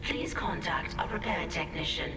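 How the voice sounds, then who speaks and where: A ship computer coming online. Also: female voice, on the low side, normal speed. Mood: calm announcing. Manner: calm, flat, clipped status reports. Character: female ship computer announcing system repairs. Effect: automated system announcement voice. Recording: echoey, distant game audio under loud music.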